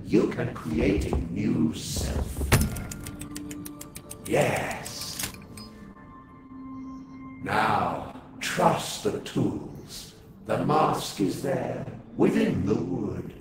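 An actor voicing an old, patient, solemn mask-maker mentor in a video game, giving measured instruction. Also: male voice, mid-range voice, expressive. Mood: solemn, guiding. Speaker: game tutorial guide. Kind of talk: theatrical game narration. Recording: echoing, with game music behind.

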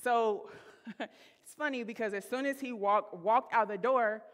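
A woman's voice: a little high, unhurried. A woman in her thirties preaching a sermon from a church stage, telling a personal story in a chatty, laughing way and calling the congregation y'all. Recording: reverberant sanctuary.

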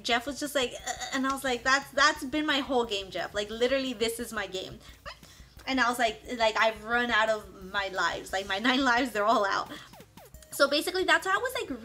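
A young woman casually recapping her time on a reality show, animated, acting out what others said in quick quoted asides. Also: sits high.

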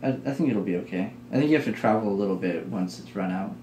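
A man's voice: fairly low pitch, fast talker, slight background noise. A man joking and laughing as he comments casually on a game with a friend. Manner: joking, lively, laughs often. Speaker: let's play co-host. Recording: echoey room, faint game music.

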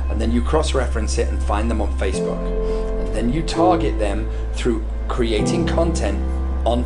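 Emphatic vlogging man over music. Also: mid-range voice. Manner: enthusiastic, emphatic, repeats words for punch. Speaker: vlog host and real estate agent. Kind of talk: energetic vlog and seminar talk. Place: car, office and seminar room. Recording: music playing underneath.

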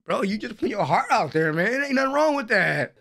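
Very animated and a little fast, this young adult anime reaction host has a high, gravelly, bright voice and a forceful delivery over soft background music. The American man's casual remarks are emphatic and slangy, recorded close on a desk mic in a small home room with a headset on.

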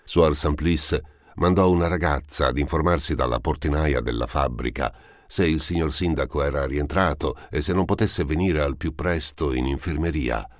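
A man narrating a classic novel as an audiobook, measured and expressive, on a close mic. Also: very deep voice, dry recording. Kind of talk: scripted literary narration.

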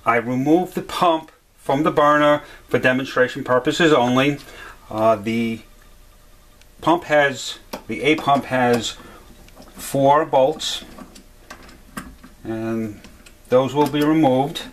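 A man's voice: medium pitch, slow, long pauses, slight background noise. A man giving a step-by-step repair demonstration at a workshop bench, talking plainly with frequent "uh" fillers. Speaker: HVAC supply instructor.

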